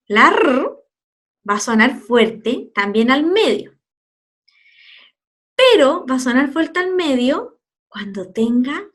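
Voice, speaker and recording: A primary school teacher with a Chilean Spanish accent and a fairly high voice leads a children's phonics lesson. She stretches words out slowly to demonstrate them and tosses in playful asides.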